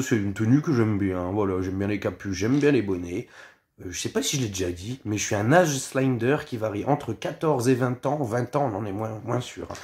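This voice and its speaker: A man's voice: on the low side, darkish tone. A man talking casually in a vlog, rambling and scattered, full of hesitations and self-mocking asides, partly reading from notes. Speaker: vlogger.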